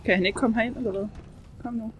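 A woman giving excitable let's play commentary, swearing and shrieking as she plays. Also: fairly high pitch, slight background noise. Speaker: gamer.

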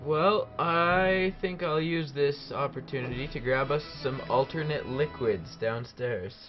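A man's voice: a little high, unhurried. A man co-commentating on a game livestream in a rowdy, playful party-animal manner. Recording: dull lo-fi stream audio with music. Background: game music.

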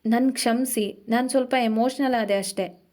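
A woman's voice: a little high, steady tone, a little mellow, close to an everyday voice. A woman voicing an emotional young woman, hurt and close to tears, in an audio story. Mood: subdued. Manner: quick, pleading, tearful edge.

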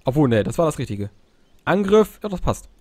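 A man's voice: fairly high pitch, sing-song, brisk, a little mellow, a little hiss or hum. A young man giving casual, rambling gameplay commentary, cracking crude jokes and interrupting himself. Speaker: Let's Play host.

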